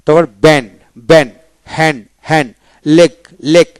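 A man with a Bengali accent teaching English pronunciation, saying each word twice slowly and carefully. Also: on the high side, clear, resonant tone, no echo. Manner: repeats each word twice, slow and deliberate. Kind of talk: pronunciation drill lesson.

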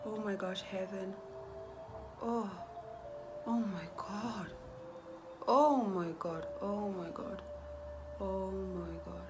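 A woman's voice: mid-range voice, fairly even intonation, takes it slowly, pauses often. A young woman from Namibia, wearing a sheet mask, chatting casually to viewers in a self-care vlog, recorded on a phone's front camera at home. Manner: chatty, addresses viewers as guys and girl. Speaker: beauty vlogger. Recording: music playing behind.

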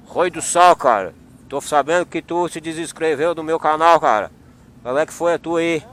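A motovlogger chats casually outdoors at a motorcycle meetup, his voice fairly high, a bit bright, and at normal speed. He teases his friends in a joking mock confrontation.

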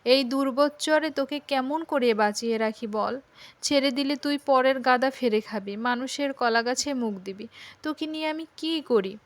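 A woman voicing a poor, gentle middle-aged farmer in a Bengali audio story, speaking softly and pleadingly. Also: high-pitched, normal speed, no echo, close to an everyday voice. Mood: sorrowful. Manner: soft, pleading.

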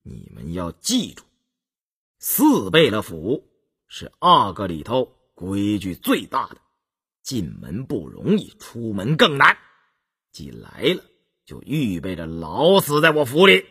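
A severe imperial prince handing down rules, as a male storyteller puts him on, voice dropped low and slow, each phrase weighed out coldly. a husky storybook voice with a hard edge. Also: huge pitch swings, bright, forceful tone, exaggerated voice. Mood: stern, cold. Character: cold, stern imperial prince laying down rules.

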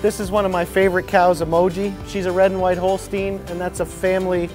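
A man's voice: high-pitched, level tone, a little fast, over music. A man in his thirties who looks after show cows, explaining his work in a barn in a plain, friendly way. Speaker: show cow caretaker. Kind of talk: casual explainer to camera. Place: large indoor barn.

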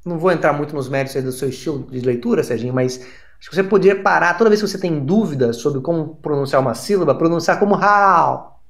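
Deadpan comic sports host, mock-formal tone, lively pitch, gravelly edge. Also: male voice, racing. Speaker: comedy show host.

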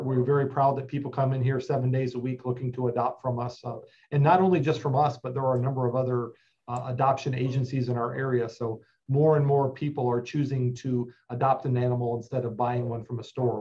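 A man's voice: mid-range voice, flat delivery, a little fast, a little mellow, dull audio. A man in his forties explaining shelter services steadily over a video call, with many filler sounds. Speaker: animal shelter representative. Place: office with plain wall.

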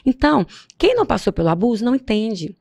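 A Brazilian woman speaking as a podcast guest, frank and emphatic. She talks quickly, in a fairly high voice roughened with gravelly fry, close and dry on the mic. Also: sing-song, a little mellow, dry recording. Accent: Brazilian Portuguese. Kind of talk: casual conversation.

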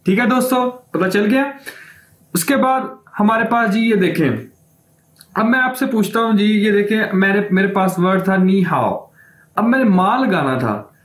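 High-voiced male teacher in an echoey room. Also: animated, a bit bright. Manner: slow drawn-out repetition of words; asks the viewer questions, then answers them. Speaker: language teacher. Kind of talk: classroom lesson explanation.

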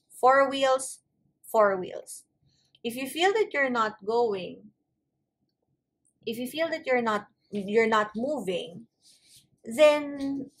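Filipino woman switching English and Tagalog midsentence. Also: a little high. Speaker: tarot card reader. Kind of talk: casual tarot reading to viewers. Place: indoors at a wooden table, hands and cards seen from above.

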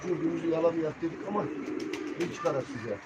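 A man with a slightly high voice talks fast as he hosts a bird auction livestream, chatting casually and colloquially. He greets his viewers familiarly and shows them birds. Behind him, pigeons coo and birds call in a muffled, noisy recording.

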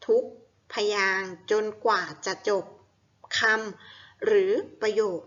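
A woman's voice: medium pitch, little pitch movement, takes it slowly, lo-fi sound. A woman teacher leading a primary school lesson, reading exercises aloud syllable by syllable and asking the students questions.

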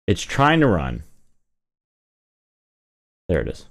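A man streaming from home in casual chat, jokey and animated, talking to his viewers and his pets. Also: low-pitched, slow pace. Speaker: streamer and voice actor. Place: at home, indoors.

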